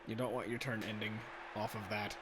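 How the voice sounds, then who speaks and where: A man doing casual, excitable play-by-play commentary of a video game from home. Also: lowish voice, fairly quick, noisy background. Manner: chatty, excitable, laughs often. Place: home room.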